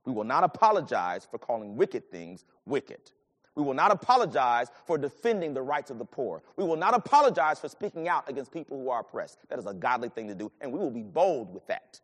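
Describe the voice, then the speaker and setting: A man preaching a sermon and telling a personal story, swinging from low murmurs to loud bursts. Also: fairly quick. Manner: animated, swings from low murmurs to shouted lines. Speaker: pastor. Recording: long hall reverb.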